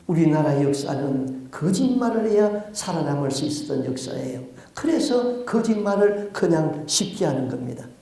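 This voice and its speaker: A man's voice: a little high, sing-song, normal speed, mellow. A male pastor delivering a sermon, telling a story and asking rhetorical questions, in a church sanctuary. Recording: very echoey church hall.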